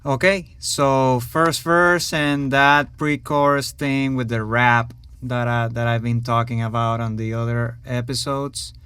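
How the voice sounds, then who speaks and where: A man hosting a home recording tutorial, talking casually with many pauses and fillers. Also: mid-range voice, smooth, dry recording. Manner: relaxed, hesitant, many fillers. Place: home studio.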